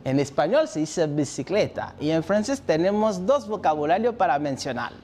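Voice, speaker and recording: A man's voice: a little high, sing-song, normal speed, a little mellow, a little hiss or hum. A man teaching a televised French lesson, drilling vocabulary and switching between French and Spanish while encouraging students with praise.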